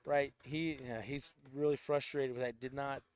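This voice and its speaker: Man, sports commentator, casual chatty delivery, rambling with restarts, smooth clear voice. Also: mid-range voice, flat delivery, normal speed, darkish tone, no room sound.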